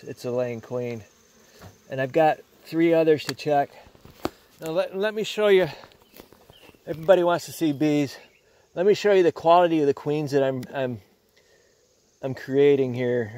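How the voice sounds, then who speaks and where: An older beekeeper chats casually outdoors as he works his hives in a yard, giving a hands-on demonstration. He rambles and keeps restarting his sentences, his medium-pitched voice a little mellow.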